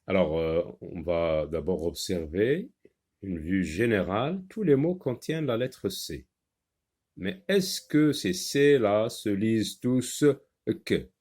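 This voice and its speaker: In a primary-school French reading lesson, a male teacher sounds out words syllable by syllable, repeats them, and pauses on "euh" while explaining. His voice is fairly low and darkish, with big pitch swings.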